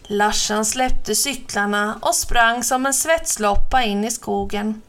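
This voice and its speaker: A woman narrating a children's adventure story in a steady, expressive reading voice. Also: on the high side.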